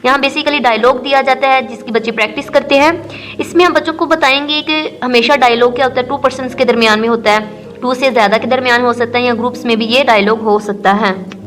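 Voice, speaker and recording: High-voiced woman teaching English. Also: a bit bright, rough recording. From Pakistan. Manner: reads English lines slowly, then explains them in Urdu. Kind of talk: explaining a textbook lesson.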